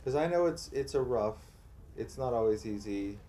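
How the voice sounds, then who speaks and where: A man's voice: medium pitch, lively intonation, moderate pace, mellow. A man casually commentating on a video game as a streamer, musing and thinking aloud off the cuff.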